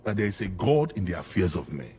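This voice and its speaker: A man's voice: sits low, sing-song, fast, a little mellow, breathy edge. A Nigerian man arguing politics in a heated interview, fiery and preacher-like, hammering his points. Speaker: political guest.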